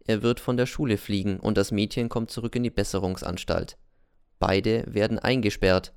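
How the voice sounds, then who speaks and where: A man narrating an audiobook in a measured, introspective first-person telling. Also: lowish voice, steady tone, creaky, a little mellow, clean tone, no room sound, studio quality.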